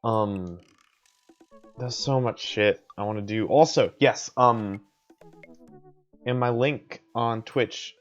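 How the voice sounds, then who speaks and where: A man's voice: medium pitch, slow pace, pauses often, highs cut off, faint music behind. Casual rambling male streamer. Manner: casual, rambling, laughs often. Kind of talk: casual let's play chat and narration.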